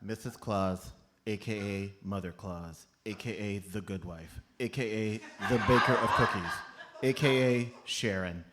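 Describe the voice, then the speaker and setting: A man with a fairly low, near-everyday voice speaks at a measured pace over background noise. He's playing a tiny, solemn elf foreman with a long-winded official manner in a comedy radio play performed live on stage at a comedy club, and he sounds serious and under pressure.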